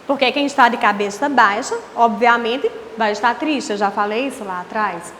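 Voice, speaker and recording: A Brazilian woman teacher giving an online class, explaining slowly and asking rhetorical questions. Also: fairly high pitch, fairly bright tone. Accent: Brazilian Portuguese. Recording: echoey room with faint hiss.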